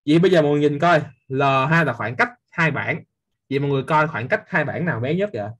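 A man's voice: a little high, animated, fast, fairly bright tone, breathy edge. A young man, teaching physics in a live online class, quizzing students by name and teasing them.

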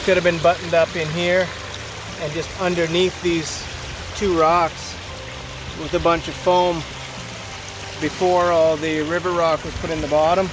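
Man pointing out leaks outdoors, monotone. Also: a little high, unhurried, long pauses, noisy background. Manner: plain, practical, thinking aloud as he points things out. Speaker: water feature installer. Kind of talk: walkthrough narration while inspecting. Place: outdoors by a backyard stream. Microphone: handheld phone camera.

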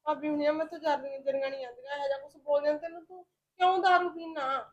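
Punjabi sister begging her brother, coaxing tone, high voice played by a woman. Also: fairly even intonation, quick pace, highs cut off, lightly acted. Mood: pleading. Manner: pleading, coaxing. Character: pleading younger sister of a drunk man.

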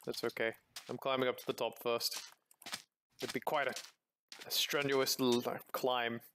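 A man's voice: mid-range voice, level tone, normal speed, background noise. A man hosting a casual game video, playfully talking like a pirate captain. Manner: playful mock pirate talk. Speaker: let's play host. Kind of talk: casual gameplay chat in pirate role-play.

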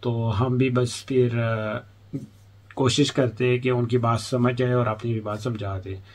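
Man, from Pakistan, casual advice vlog, chatty, acts out exchanges, mid pitch. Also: fairly even intonation, a little slow. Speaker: vlogger and international student in the UK.

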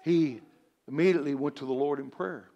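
A man's voice: fairly high pitch, fairly quick, mellow, lo-fi sound. A man preaching a sermon, telling scripture and personal stories with earnest emphasis.

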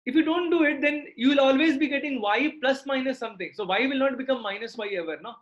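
A man's voice: extremely high pitch, fast talker, a bit bright. A middle-aged man with a South Indian accent teaches a live online maths lesson. He explains step by step and often checks that students follow with short tag questions. The sound is dull and lo-fi, like a computer mic on a video call.

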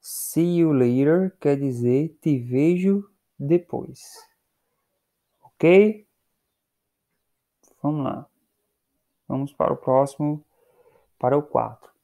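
A man's voice: medium pitch, creaky, mellow. A man with a Brazilian Portuguese accent teaching English in a recorded lesson, patiently explaining phrases and checking in with his students. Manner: slows down to model English phrases.

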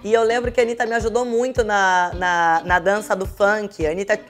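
A woman's voice: medium pitch, fairly even intonation, a little fast, music in the background. Chatty woman telling stories to camera. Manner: chatty, acts out quoted dialogue. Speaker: vlogger. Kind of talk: casual storytelling to camera.

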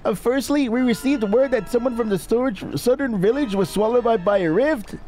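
Urgent, high-pitched young soldier voiced by a man, dutiful and eager. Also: brisk, darkish tone, soft background music.

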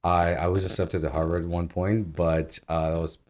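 A man from Ukraine in his thirties, guest and agency founder, speaks in a low-pitched, slightly mellow voice with flat delivery at normal speed, over slight background noise. The casual interview takes place in his home living room using a boom-arm studio mic. His phrasing is loose and easygoing, punctuated by frequent laughs.

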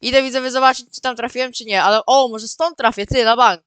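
A man giving casual, excitable gameplay commentary as the host of his own channel, often repeating words and calling out to his viewers. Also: very high-pitched, fast talker, clear, resonant tone, no echo. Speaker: gaming video host.

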